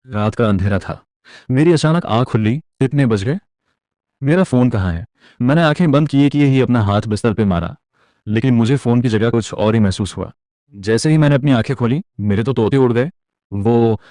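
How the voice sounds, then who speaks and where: A young man narrating a comic ghost story in the first person, lively and dramatic. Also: lowish voice, no echo, clean studio sound. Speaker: manhwa recap narrator.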